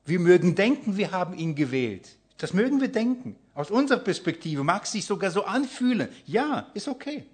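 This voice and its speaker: A man preaching, asking the congregation questions and answering them himself, swinging between loud emphasis and hushed near-whispers. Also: sits high, sing-song, fairly quick, hardly any pauses, slightly rough. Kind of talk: sermon with Bible reading.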